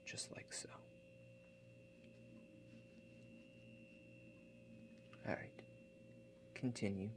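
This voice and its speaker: A man with a fairly low voice gently guides the listener as a calm, attentive house-call relaxation agent in an ASMR roleplay focused on breathing. Soft-spoken and slow, he offers gentle, reassuring instructions and frequently checks in.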